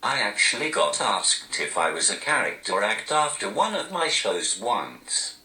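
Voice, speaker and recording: This man, a stand-up comedian from Newcastle, England, uses a text-to-speech device to deliver typed interview answers in a posh, robotic voice. It's set very low but swings widely in pitch, paced slowly and deadpan with dry jokes at his own expense, and sounds bright and hard in a large, echoey room.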